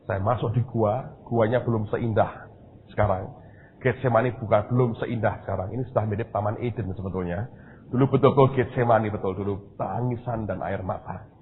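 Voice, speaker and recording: Indonesian pastor preaching on a tinny line. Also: male voice, fairly low pitch. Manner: storytelling, addresses the congregation directly. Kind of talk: sermon. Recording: tinny phone-like sound with faint noise.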